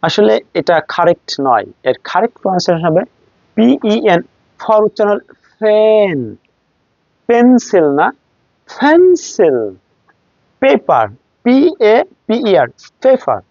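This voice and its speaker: A man's voice: sits high, lively intonation, a little fast, gravelly, a little mellow, no echo. Bangladeshi man teaching pronunciation drills. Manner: drills words aloud, contrasting wrong and right forms. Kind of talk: classroom-style lesson. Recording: dry, slightly muffled recording.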